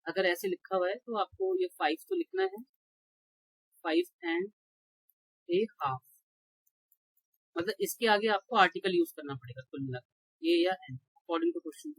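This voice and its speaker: A man's voice: high voice, very animated, normal speed, a bit bright, breathy edge, dry recording, rough recording. A man teaching an exam-prep grammar lecture, explaining rules step by step, checking in with his students and answering his own questions. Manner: asks rhetorical questions and answers them.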